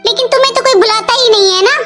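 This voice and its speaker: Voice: extremely high pitch, racing, faint music behind, pitched above the performer's own voice. A performer voicing a spoiled young sister-in-law who mocks her brother's wife in a cartoon story. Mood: mocking. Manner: mocking, sharp. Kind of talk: animated cartoon voice acting.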